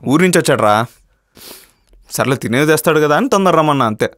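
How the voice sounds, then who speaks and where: A scheming young bachelor. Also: male voice, fairly high pitch, animated, fast talker, fairly bright tone, dry recording, studio quality. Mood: puzzled. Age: young adult. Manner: scheming, explains plans step by step. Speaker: bachelor roommate. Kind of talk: scripted comedy web series.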